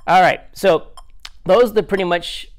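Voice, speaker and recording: A man's voice: high voice, normal speed. A man as a music teacher, giving a recorded lesson step by step, counting beats aloud in a patient, self-deprecating way.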